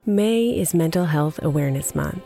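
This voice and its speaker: A woman hosting and guiding a sleep meditation, speaking softly and soothingly, sometimes in a breathy whisper. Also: low voice, expressive, dry recording, faint music behind. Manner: slow, soft and soothing, drifting into a breathy whisper. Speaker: meditation guide and host.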